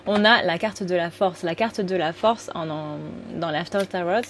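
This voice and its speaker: Chatty tarot-reading woman, lower voice, rambling and self-correcting; faint hiss behind. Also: measured pace, a bit bright. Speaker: tarot card reader. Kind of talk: casual spoken tarot reading.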